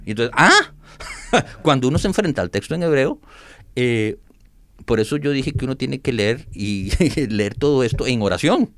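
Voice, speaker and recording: A man talks through Bible passages, reading verses aloud and laughing as he explains. His voice sits at a middle pitch. The recording is dry and close, with no room sound. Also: normal speed, dry recording. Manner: animated explainer, reads scripture aloud, laughs often. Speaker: Bible teacher guest. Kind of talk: conversational Bible teaching.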